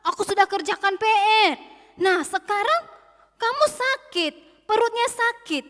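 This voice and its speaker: A woman's voice: very high voice, expressive, unhurried, a bit bright, in a large hall, pitched above the performer's own voice, full character voice. A woman doing a fussing, scolding mother. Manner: fussing, exclaiming.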